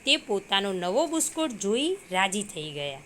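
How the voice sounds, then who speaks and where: A woman's voice: mid-range voice, big pitch swings, moderate pace, fairly bright tone, a little hiss or hum. Woman reading a story to children. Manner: explains hard words simply. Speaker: teacher.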